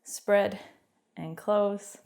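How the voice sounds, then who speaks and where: A young woman with a Canadian accent guiding a home workout, giving encouraging cues and calm stretching instructions. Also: mid-range voice, drawn-out words, vocal fry. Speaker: fitness instructor.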